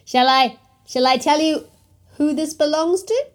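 A woman's voice: high voice, unhurried. A woman hosting interactive storytelling for young children, theatrical, with gasps and coaxing questions. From New Zealand.

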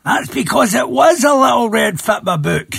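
An actor playing an angry, exasperated office boss with a raspy voice in an audio comedy. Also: male voice, on the high side, normal speed, no room sound, studio quality, full character voice.

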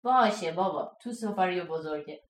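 A woman's voice: fairly low pitch, expressive, reverberant, pitched below the performer's own voice, close to an everyday voice. A woman narrator voicing her young daughter, who answers in a short, offhand way. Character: teenage daughter, offhand and mildly impatient.

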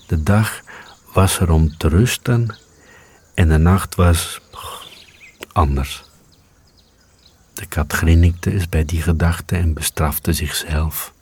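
Slow, deep-voiced male storyteller. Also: slight background noise. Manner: calm, unhurried reading. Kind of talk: scripted storybook narration.

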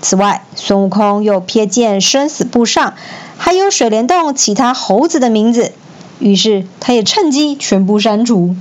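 Woman storyteller for kids, high-ish voice, expressive, dull lo-fi audio. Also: moderate pace. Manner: expressive, lively narration. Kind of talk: children's storybook reading.

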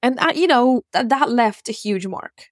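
A woman's voice: fairly high pitch, lively intonation, moderate pace, dry recording, studio quality. Woman in her thirties, candid podcast monologue. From Ukraine, grew up in Russia. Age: 30s. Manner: candid, musing, with frequent fillers and restarts. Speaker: podcast host. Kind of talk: reflective personal monologue.

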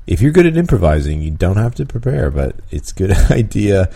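A man's voice: fairly low pitch, very animated, fairly quick, creaky, mellow, breathy edge. A man hosting a podcast, giving tabletop game-master advice in a rambling, casual way with frequent chuckles and restarts. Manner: rambling, chuckles often, many ums and restarts. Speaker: podcast host and dungeon master.

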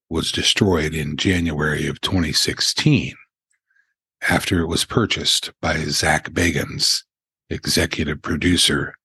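An older man hosts a paranormal countdown podcast in a voice that is very deep and rough with fry. His tone is husky, and he tells his stories at an unhurried pace, with asides. The sound is dry and close to the mic. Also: sharp tone, no echo. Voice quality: very deep gravelly voice. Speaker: podcast host.

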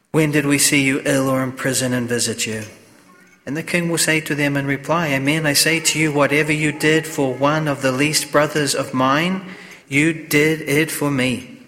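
Bright-voiced clergyman in cathedral echo. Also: medium pitch. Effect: cathedral echo, long church reverb. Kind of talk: Gospel reading and homily at Mass. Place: large church. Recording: long echo of a large church.

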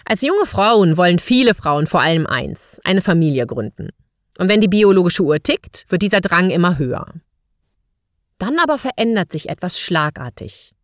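A woman's voice: on the low side, very animated, normal speed, no room sound, clean studio sound. A woman hosting a podcast, speaking straight to the listener in a scripted monologue full of rhetorical questions. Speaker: podcast host.

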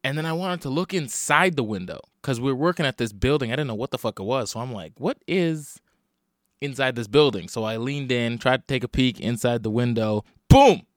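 A man hosts a loose comedy podcast with a split, swollen lip, tired and hungover. His voice is clean and smooth, recorded close and dry. He rambles casually, swearing freely and poking fun at himself. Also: mid-range voice, fast talker, few pauses, fairly bright tone, no echo. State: swollen, bruised upper lip. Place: at home in a basement.

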